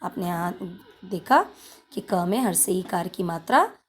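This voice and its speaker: A woman teacher explaining a grammar lesson to children, repeating key points in a deliberate way. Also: fairly low pitch, lively intonation, breathy edge. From India. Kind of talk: slow classroom lesson explanation.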